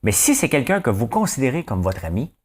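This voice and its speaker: A man with a Québécois accent hosting a live show, chatting casually with viewers in an animated way and often checking in with them. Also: medium pitch, a little fast, husky. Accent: Québécois French. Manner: animated, chatty, keeps asking "hein?".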